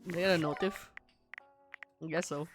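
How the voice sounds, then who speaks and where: A woman's voice: on the low side, steady tone, fairly quick, music in the background. A woman streaming a game with casual, playfully grumpy and blunt commentary. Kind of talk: casual gameplay commentary, reading and reacting.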